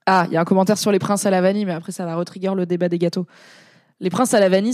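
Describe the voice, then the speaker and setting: A woman's voice: on the low side, dark tone, dry recording, studio quality. A woman streamer in casual live chat, rambling along with many fillers and asides as she reacts to comments. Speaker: streamer and content creator.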